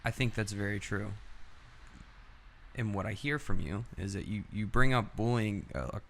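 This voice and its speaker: A man's voice: lowish voice, normal speed, vocal fry, slight background noise. A male podcast host from the East Coast, asking meandering questions and affirming his guest. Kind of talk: casual interview questions.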